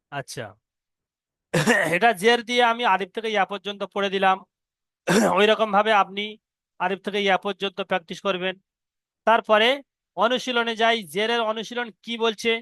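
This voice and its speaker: A man teaching Quran reading to students, spelling out each letter and syllable slowly. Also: high-pitched, steady tone, pushed and bright, clear, resonant tone, no echo. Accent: Indian Bengali. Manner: slow, drawn-out syllable-by-syllable spelling. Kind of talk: spelling-out recitation lesson.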